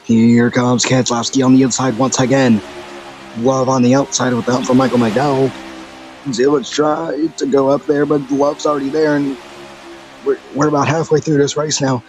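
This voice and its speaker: A man in mid-range pitch calls a video game race play-by-play, fast and excitable, out of breath, his voice jumping high on sudden exclamations. Clear music plays behind him the whole time. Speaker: race commentator.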